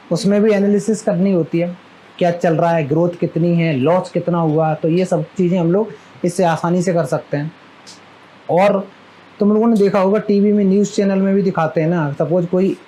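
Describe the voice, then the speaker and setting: This maths teacher, a man whose voice sits notably high, runs a live class in a talkative, teasingly reproachful manner, peppering students with questions. The recording is rough, though his tone comes across warm.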